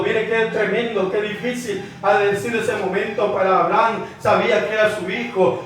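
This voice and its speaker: A preacher with a high voice delivers his sermon, constantly addressing the brethren and throwing questions at them. He is recorded from a distance in a church hall with a heavy echo. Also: fairly bright tone. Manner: repeats 'hermanos', asks the congregation questions. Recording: echoey hall from far off.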